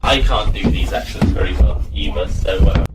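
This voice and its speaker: A man teaching a pronunciation class, relaxed and full of fillers, slowing down to demonstrate words. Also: low-pitched. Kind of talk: classroom lesson. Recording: distant mic with faint room noise.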